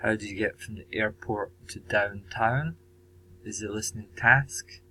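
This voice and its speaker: A man teacher presenting his language course tasks, measured and pausing often with ums. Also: fairly low pitch, pushed and bright, husky, poor audio. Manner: measured, with frequent ums and pauses. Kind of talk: recorded presentation.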